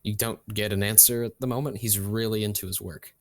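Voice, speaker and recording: A man narrating a tabletop role-playing game as game master, talking casually and haltingly. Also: fairly low pitch, little pitch movement, dry recording, studio quality.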